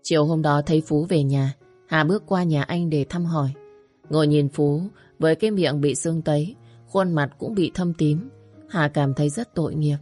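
A woman narrating a dramatic story in a steady, scripted storytelling voice. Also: low voice, moderate pace. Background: faint music.

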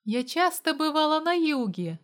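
A woman voices a haughty middle-aged mother in an audiobook, cool and commanding, measuring every word. the reading sits somewhat high and lifts firmly. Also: big pitch swings, normal speed. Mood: measured.

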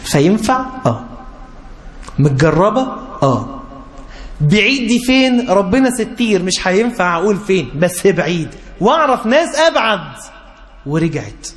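A man preaching a sermon in an Egyptian Arabic accent, pleading with young listeners and rising to high, emphatic appeals. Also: very animated, normal speed, long pauses, soft background music.

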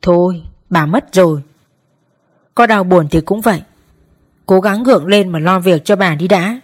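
A woman reads a relative at a funeral who soothes and urges a mourner to hold up. The tone stays even and plain. It comes from a narrated storybook. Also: lowish voice, measured pace, husky. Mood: consoling. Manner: soothing, urging. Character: consoling adult relative at a funeral.

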